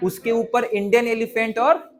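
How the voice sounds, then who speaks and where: High-voiced man drilling a class. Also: moderate pace, a crowd in the background. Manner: drills students by repeating lists aloud, quizzing them. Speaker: teacher. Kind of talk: exam revision lesson.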